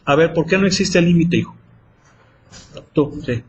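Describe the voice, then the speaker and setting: A man's voice: on the high side, moderate pace, muffled recording, a little hiss or hum. A man teaching math in a classroom, quizzing students with repeated questions. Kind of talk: classroom lecture.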